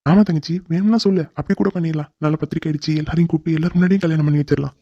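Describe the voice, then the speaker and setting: A man's voice: on the high side, fairly even intonation, very fast, no echo. A man voicing a reassuring, middle-aged father of the groom in a cartoon drama, soothing the other family. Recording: dull lo-fi recording.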